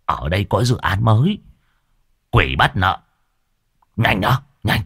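A man's voice: fairly low pitch, sing-song, slow pace, fairly bright tone, husky, no room sound, clean studio sound, heavily acted. A man voicing a jittery, boastful and cowardly old man who stammers and wheedles, in a spooky storybook tale. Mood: panicked.

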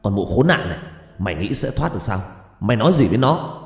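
A man's voice: sits low, expressive, brisk. A man voicing a hot-tempered man who barks harshly. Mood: furious. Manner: harsh, shouting. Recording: echoey room with long reverb and faint music.

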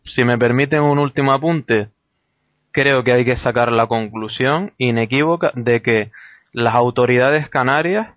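A man speaking on a debate panel, making a formal, measured closing point. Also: mid-range voice, no room sound, highs cut off. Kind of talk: studio debate.

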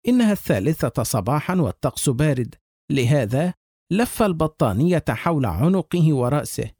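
A man reads a horror story aloud with tense, suspenseful pacing. His voice is husky and dark-toned, a little high for a man, and his pitch moves widely. The sound is close and dry. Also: big pitch swings, normal speed, no echo. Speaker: narrator. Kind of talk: dramatic horror story reading.

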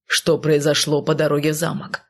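A man's voice: fairly high pitch, monotone, brisk, gravelly. A woman voicing a blunt, demanding northern conqueror who barks curt orders. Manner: barking, curt.

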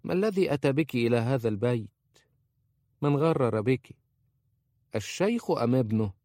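A man's voice: mid-range voice, animated, normal speed, dry recording, studio quality, pitched above the performer's own voice, lightly acted. Man voicing a harsh, scornful old woman. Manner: sharp-tongued, scolding.

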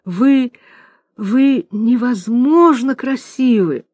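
A woman voicing a timid, lovestruck male professor who speaks softly and slowly, with breathless adoration. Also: extremely high pitch, no room sound, voice pushed up, heavily acted. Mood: adoring. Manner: soft-spoken, drawn-out, breathless adoration.

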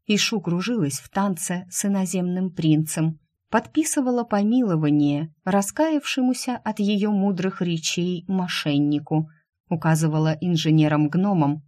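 A woman narrating a fantasy audiobook in an expressive reading voice. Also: lowish voice. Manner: expressive reading, voicing the characters.

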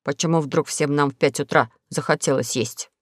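A woman voicing a polite, fussy talking spaceship in a lower, measured tone. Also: no echo, clean studio sound. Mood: prim.

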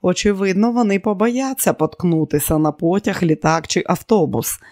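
A man voicing an arrogant, scheming man who is quick to rage, with a boastful, commanding way of talking. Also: high-pitched, a little mellow, dry recording, clean studio sound, natural voice. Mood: smug.

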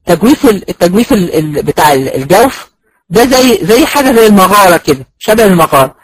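A man's voice: high voice, sing-song, quick pace, no room sound, poor audio. A man with an Egyptian accent giving a recorded lecture on Quran recitation. He explains step by step, asks and answers his own questions, and sounds out letters as examples.

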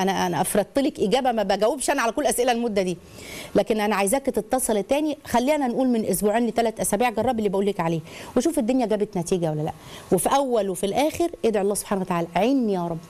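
Rapid-fire Egyptian woman counselor. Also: fairly high pitch. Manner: brisk, expressive, asks listeners questions and acts out quoted voices. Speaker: family counselor hosting a call-in show. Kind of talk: advice talk and call-in.

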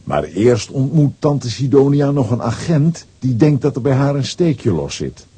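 A man narrates a scripted children's story with expressive storytelling. His husky voice is mid-range in pitch and keeps a measured pace.

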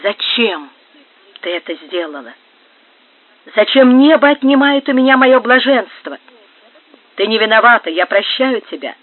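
A man's voice: very high-pitched, lively intonation, a little slow, long pauses, dry recording, heavily acted. A man voicing a heartbroken jealous young man. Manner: anguished, intense. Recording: narrow phone-like sound.

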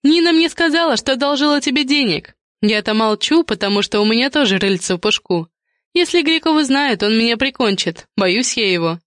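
A woman voicing a shrill, gossipy middle-aged woman who nags and chatters. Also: lively intonation, a bit bright, dry recording, clean studio sound. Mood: conspiratorial. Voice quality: shrill, squealing. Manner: rapid nagging chatter.

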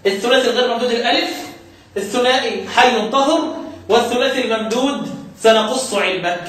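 A man with an Egyptian Arabic accent teaching a recitation lesson. He quizzes his students and repeats key terms slowly. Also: very high voice, a bit bright. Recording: echoey room, distant mic, faint noise.

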